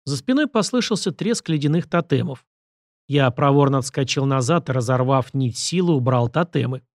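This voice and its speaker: A man narrating a first-person audiobook in a steady, measured reading. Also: medium pitch, dry recording, clean studio sound.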